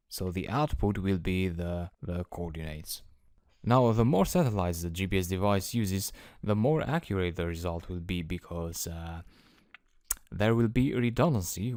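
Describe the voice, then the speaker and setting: A man with an Eastern European accent giving an explanatory lecture as an instructor, in a measured, methodical manner. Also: deep voice, a little mellow, no echo, studio quality.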